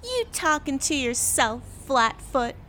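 Flirty 1950s nanny, teasing, slow and a bit high, radio comedy. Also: female voice, very animated, pushed and bright, slight background noise, heavily acted. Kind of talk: period radio comedy acting.

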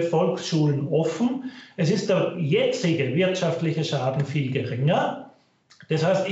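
A middle-aged professor, a man with a slightly high voice, weighing each point carefully. He comes through a low-quality online stream that sounds muffled. Heavy room echo surrounds every word. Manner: thoughtful, weighs options carefully. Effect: low-quality online stream audio. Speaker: finance professor guest. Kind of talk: measured expert interview answers.

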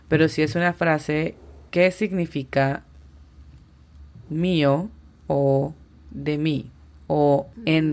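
A woman teaching English on a podcast, patiently explaining step by step and spelling out pronunciations. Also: low-pitched. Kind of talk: podcast language lesson.

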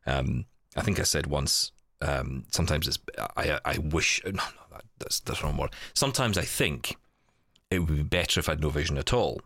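This podcast co-host has a very deep voice, captured dry and up close without any echo. His delivery is brisk and fairly bright as he talks casually and reflectively, cautiously qualifying what he says and rewording himself mid-thought.

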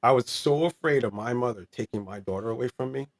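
A man's voice: medium pitch, fast talker. A man in his forties telling a candid personal story in an interview, earnest and rambling, with many fillers and restarts. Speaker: interview guest.

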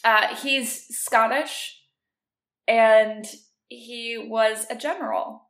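Woman co-host, casual and chatty, laughs a lot; higher voice, roomy recording. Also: drawn-out words, fairly bright tone. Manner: chatty, laughs often, explains facts. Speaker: podcast co-host. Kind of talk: casual chat. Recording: roomy echo.

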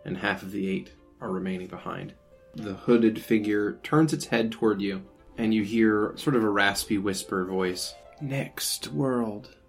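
A man's voice: on the low side, vocal fry. A man narrating a tabletop role-playing game as game master. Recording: music playing behind the voice.

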